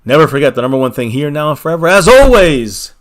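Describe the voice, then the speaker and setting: With a fairly high, very animated voice and a fast delivery, this man wraps up a casual livestream for fans from a small bar in his home. He thanks people by name, keeps repeating his catchphrases with hype, and calls his viewers "baby."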